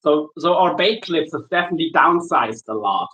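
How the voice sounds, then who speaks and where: A man from Germany, a shark angler chatting casually with viewers while he works, easygoing and halting, often restarting his sentences. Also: fairly high pitch, lively intonation, bright, forceful tone, low-quality recording. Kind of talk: casual livestream chat while working.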